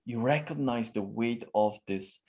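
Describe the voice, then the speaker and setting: Unhurried and mellow, a man with a mid-range voice answers an interviewer's questions from the standpoint of a communication expert. He presses his points hard, varies his tone widely, and sprinkles in many fillers.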